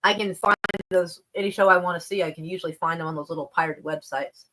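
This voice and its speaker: A woman's voice: fairly low pitch, steady tone, quick pace, background noise. A woman chatting casually on a live stream about the news, rambling and wry, with plenty of swearing. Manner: profane, laid-back, wry.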